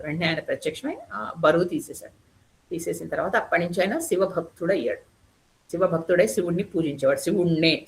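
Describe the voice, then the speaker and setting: A woman's voice: lowish voice, a bit bright. A woman narrating an episode of an old epic for listeners, stopping to explain old words and correcting herself as she goes. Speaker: storyteller. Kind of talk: devotional epic retelling.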